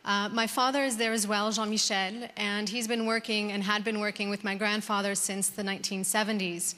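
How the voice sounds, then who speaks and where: Speaking a little fast in a level, medium-pitched voice, an American conference speaker in her thirties keeps her talk warm and conversational, with many "um"s and restarts. The large hall gives the recording a noticeable reverb.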